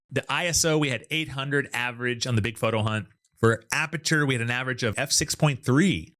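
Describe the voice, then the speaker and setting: A man's voice: medium pitch, a bit bright. A man hosting an interview, talking in an enthusiastic, chatty way about what he has found. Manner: enthusiastic, chatty, data-minded. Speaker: host. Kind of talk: casual interview chat.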